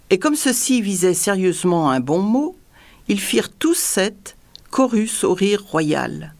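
A woman reading a story aloud in scripted narration, with even, dramatic storytelling. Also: mid-range voice, slow pace. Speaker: audiobook narrator.

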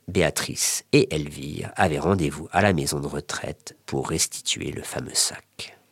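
A man narrating a written short story in an expressive, measured way. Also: low-pitched, slightly rough, no echo, clean studio sound. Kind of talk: scripted story reading.

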